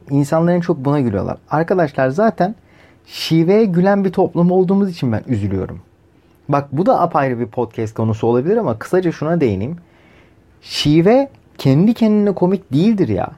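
Mellow-voiced man in a rhetorical podcast monologue. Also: a little high. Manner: conversational, rhetorical, opinionated. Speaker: podcast host. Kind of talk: casual monologue.

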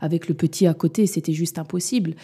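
A low-pitched, mellow, slightly rough voice moves at a fast clip. The speaker, a mother and business owner in her forties, answers interview questions candidly yet hesitantly, reflecting aloud with many fillers and restarts.

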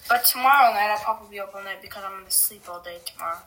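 A woman co-hosting a casual podcast, blunt and deadpan, swearing casually. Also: mid-range voice, very fast, a little hiss or hum. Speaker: podcast co-host.

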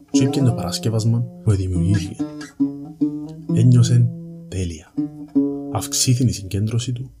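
A man with a Cypriot Greek accent narrates an educational piece in a conversational storytelling style, explaining things informally and directly to the listener. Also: mid-range voice. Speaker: presenter of an educational series on language history.

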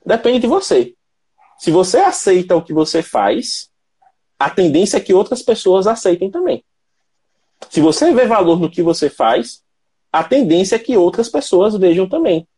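A man's voice: high voice, very animated, normal speed, darkish tone, husky. A man with a Brazilian accent, hosting a mobile photography channel, who talks emphatically and asks rhetorical questions. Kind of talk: live chat on a stream.

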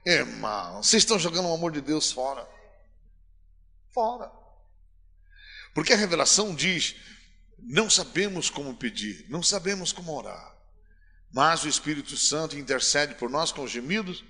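A male pastor preaching a sermon, swinging from soft to loud and calling on the congregation. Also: fairly high pitch, very animated, moderate pace, long pauses. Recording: long hall reverb.

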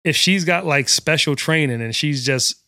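A man's voice: a little high, moderate pace, bright, forceful tone, dry recording, clean studio sound. A man co-hosting a casual podcast debate, talking bluntly and profanely, rambling with lots of fillers. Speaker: podcast co-host.

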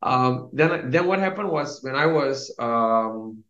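A man's voice: mid-range voice, lively intonation, slow pace, a bit bright. A young man, telling his faith story as a podcast guest in a rambling way, with many fillers, restarts and small laughs. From Singapore. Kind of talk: casual testimony. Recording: roomy, dull lo-fi sound.

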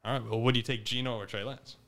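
A man's voice: medium pitch, fairly even intonation, fast, a bit bright. A man hosting a casual sports chat, steering the talk and laughing often. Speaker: podcast host.

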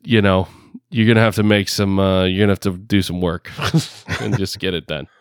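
A man's voice: deep voice, fairly even intonation, moderate pace, clear, resonant tone, dry recording. A man hosting a casual podcast chat, rambling with lots of fillers and frequent laughs, hamming up a New York accent. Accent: put-on New York. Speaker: podcast host. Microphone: headphones and home podcast rig.

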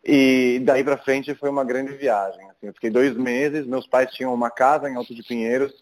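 A man, a podcast guest speaking Portuguese in a relaxed, reflective phone chat full of fillers. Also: mid-range voice, normal speed, poor audio. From Italy. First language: Italian. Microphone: phone call.

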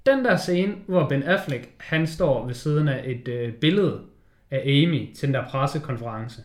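A man co-hosting a casual film discussion, swearing freely and acting out scenes in quick quoted voices. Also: mid-range voice, expressive. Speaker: podcast co-host. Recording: roomy echo.

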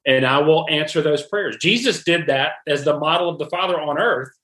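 A man with a bright, forceful voice speaks at a slightly raised pitch in a casual faith discussion. He sounds like a preacher and weaves scripture into what he says. The recording has a roomy echo. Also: moderate pace.

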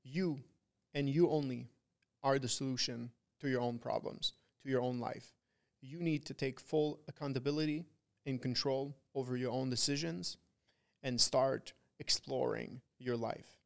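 A man's voice: medium pitch, fairly even intonation, measured pace, vocal fry. A man talking like a frat bro in a casual motivational podcast chat, emphatic and preachy, repeating his points for weight. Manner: frat-bro talk, peppered with bro, dude and swearing; emphatic, repetitive, preachy pep talk. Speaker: podcast guest, trader who runs a trading community.

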